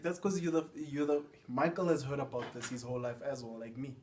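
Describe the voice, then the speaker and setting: A man's voice: medium pitch, steady tone, fairly quick, a little mellow. A young South African man chatting casually with friends, joking and matter-of-fact. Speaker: friend of the vlogger. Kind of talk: casual chat.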